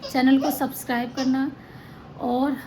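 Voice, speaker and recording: A woman's voice: high-pitched, flat delivery, unhurried. A tired young woman chatting in a casual home vlog, talking indoors with children playing and crying nearby. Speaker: vlogger. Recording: noisy home recording.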